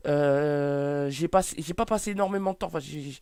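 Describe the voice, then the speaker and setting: A man's voice: fairly high pitch, normal speed, a little mellow, smooth, dry recording. A man casually presenting a celebrity biography, hesitant and full of fillers and restarts, apologizing now and then. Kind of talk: casual read-aloud commentary. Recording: faint background noise.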